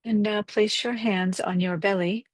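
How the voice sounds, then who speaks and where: A woman guides a breathwork meditation at a very unhurried pace, leaving space between short, gentle instructions. Her voice sits at a middle pitch, recorded dry and close without room sound. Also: fairly even intonation, no echo.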